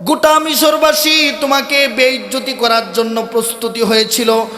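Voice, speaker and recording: A man preaching, acting out a bold young man who loudly pleads to be recognized. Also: extremely high pitch, fairly even intonation, normal speed. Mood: pleading, indignant. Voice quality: loud, declaiming. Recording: echoey hall over loudspeakers.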